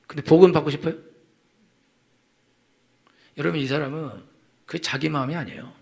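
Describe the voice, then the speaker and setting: A man's voice: on the high side, gravelly. A middle-aged male pastor giving a Sunday sermon in a chatty, teasing way, acting out quoted voices for the congregation.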